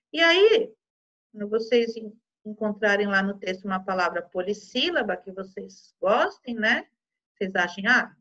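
A female teacher with a Brazilian Portuguese accent, giving an online class to young children in a gentle, patient way, often checking in with them. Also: high voice, lo-fi sound.

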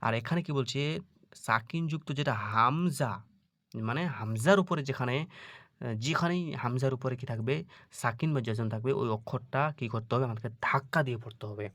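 A man teaching Quran reading in an online lesson. He explains slowly, puts questions to his students, and spells out the letters before reciting each word drawn out. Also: mid-range voice, a bit bright, no room sound.

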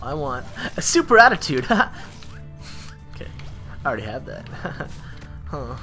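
A man's voice: mid-range voice, very animated, takes it slowly, pushed and bright, soft background music. A young man chatting in a rambling, casual way while commentating a video game with a friend. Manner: rambling, chatty, full of likes and laughs. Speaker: gaming channel co-host.

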